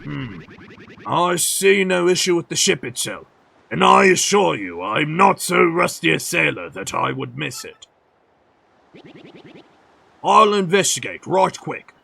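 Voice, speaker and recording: A man voicing a gruff, blunt male sailor working on a ship. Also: a little high, sing-song, a little slow, pauses often, bright, forceful tone, voice pushed up, heavily acted.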